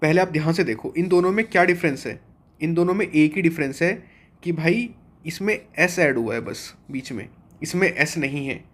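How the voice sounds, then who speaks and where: A man's voice: fairly high pitch, animated, normal speed, fairly bright tone. A young man teaching an online exam-prep vocabulary class, explaining step by step and asking and then answering his own questions.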